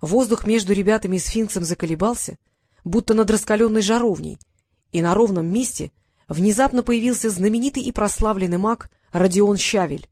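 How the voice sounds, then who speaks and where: A woman narrating a storybook in an even, measured storytelling voice at a middle pitch. The recording is dry and close, with no room echo. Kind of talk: audiobook narration.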